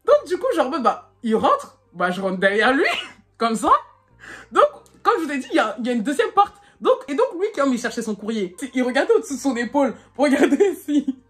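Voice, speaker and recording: A young woman telling a story to her viewers, animated and slangy, swearing often and laughing nervously. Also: high-pitched, a little fast.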